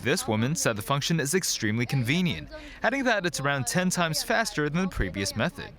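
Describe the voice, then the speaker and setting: A male reporter reading a news report voice-over in a formal, measured way. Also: fairly high pitch, big pitch swings, background noise.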